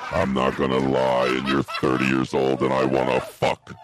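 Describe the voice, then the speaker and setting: A man voicing a brash, crude flight attendant woman in her fifties, his voice pitched down by an effect, in an improvised comedy bit. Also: completely flat delivery, normal speed, a loud crowd. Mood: crude, blunt. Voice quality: voice pitched down by an effect, very deep and gravelly. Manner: blunt, crude, bossy.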